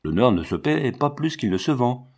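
A man's voice: medium pitch, very animated, moderate pace. A man reading the part of an honest, earnest teenage boy in a storybook. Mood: firm. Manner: earnest, firm.

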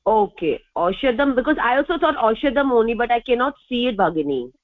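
A woman's voice: on the high side, expressive, quick pace, no echo. A woman joining a group voice call as a student and reading her answers aloud. She sounds hesitant and checks in often with the teacher. Her voice is thin and phone-like, with a dry sound and no room around it. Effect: heard through a group voice call. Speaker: student in an online language class.

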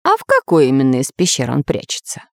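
A woman voicing a sensible male professor in a children's story, speaking lower and measured. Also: huge pitch swings, creaky, dry recording, studio quality, heavily acted. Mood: calm. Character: sensible older male professor, calm and thoughtful.

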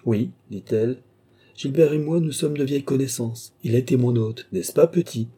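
Brief: impudent court lady, put on by a male narrator, teasing, dark and husky. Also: medium pitch, normal speed, pitched above the performer's own voice, lightly acted. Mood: mocking. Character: mocking, bold young woman at court.

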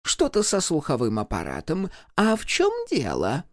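A man's voice: a little high, wildly swooping pitch, normal speed, no echo, clean studio sound, pitched above the performer's own voice. A man doing a crafty old grandmother. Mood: feigned innocence. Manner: sweetly innocent, mock-deaf. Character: sly elderly grandmother feigning deafness.

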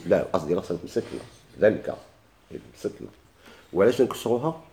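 A man's voice: deep voice, expressive, rapid-fire, dark tone, a little hiss or hum. A man with a Moroccan Arabic accent teaching a grammar lesson, asking questions and answering them himself, often repeating key words. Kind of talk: classroom lesson explaining a grammar text.

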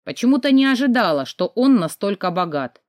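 Expressive woman reading a novel aloud. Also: mid-range voice, brisk, no echo, studio quality. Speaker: audiobook narrator. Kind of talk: first-person audiobook narration.

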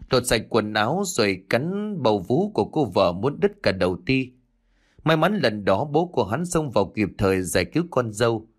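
A man narrating a horror story in a grave, dramatic storytelling manner. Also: medium pitch.

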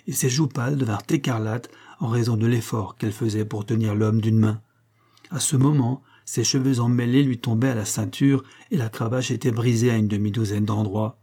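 A man narrating a classic novel in measured, scripted storytelling. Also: mid-range voice, steady tone, mellow. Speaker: audiobook narrator.

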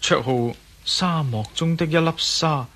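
A male actor with a Hong Kong Cantonese accent voices a self-assured, resolute adventurer hero in a Cantonese radio drama, keeping a breezy tone. He speaks at a measured pace with a fairly high pitch and a fairly bright sound.

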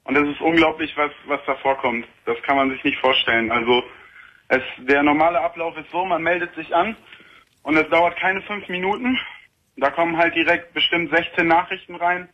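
A man's voice: fairly high pitch, steady tone, moderate pace. A young man calls in to a radio show on speakerphone, his voice slightly raised over a muffled, lo-fi phone line. He explains things at length, earnestly, stopping for many small fillers. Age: 20s. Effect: heard over a speakerphone. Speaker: caller. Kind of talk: casual chat on a late-night call-in radio show.

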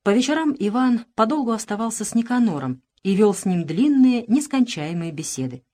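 A woman narrating a literary audiobook in an expressive, measured storytelling manner. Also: fairly high pitch.

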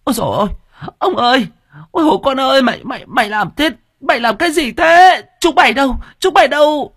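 A man's voice: sing-song, fast talker, fairly bright tone, husky, no room sound, clean studio sound, full character voice. A man voicing a frantic middle-aged village mother who wails, stammers and pleads. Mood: panicked screaming. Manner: shrill, stammering, pleading cries.

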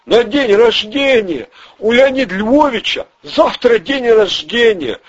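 A man voicing a panicky, pleading red-haired male small-time crook, whiny and shrill. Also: lively intonation, unhurried. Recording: dull lo-fi audio.

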